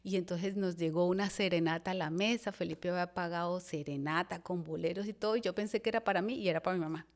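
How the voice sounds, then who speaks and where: A woman, a pastor telling a personal testimony on a podcast, a lively storyteller who voices the people in her story. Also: on the low side, quick pace, hardly any pauses.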